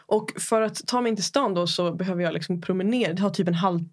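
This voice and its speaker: Chatty woman podcast host. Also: lowish voice. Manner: chatty, many fillers, rambling anecdote. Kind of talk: casual podcast conversation.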